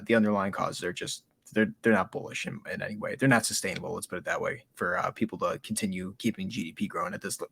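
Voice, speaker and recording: A man co-hosts a markets show in fast, profane casual chat, ranting with agitation. His voice sits a little low, and the recording is dry and close. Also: dry recording.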